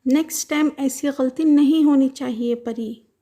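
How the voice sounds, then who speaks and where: A woman's voice: sits high, measured pace, warm tone. A woman voicing a strict but kind schoolteacher in a doll-show story, giving instructions and scolding students. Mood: stern. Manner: firm, instructive. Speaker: teacher.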